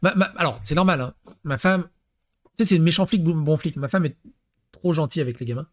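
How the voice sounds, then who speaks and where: A man commenting comically on a parenting text he reads aloud, with animated, crude talk and mock acting mixed in. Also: a little high, fairly quick. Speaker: YouTube commentator.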